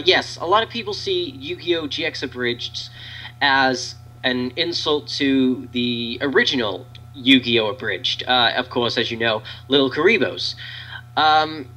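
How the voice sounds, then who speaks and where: A man's voice: fairly high pitch, measured pace, bright, forceful tone, rough recording. A man being interviewed in casual chat, stammering with frequent restarts and fillers. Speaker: interview guest, fan video maker.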